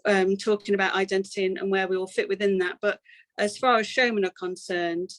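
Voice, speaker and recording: A woman speaks on a webinar video call with a flat, even voice. She is hesitant and often repeats words. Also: mid-range voice, fairly quick. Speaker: panelist. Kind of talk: webinar discussion.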